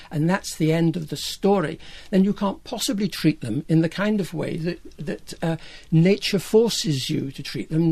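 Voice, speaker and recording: A man with a Scottish accent, speaking as a guest on an academic discussion panel. He talks in a measured, thoughtful way and pauses on fillers as he builds his points. His voice sits a little high for a man. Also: darkish tone. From Scotland.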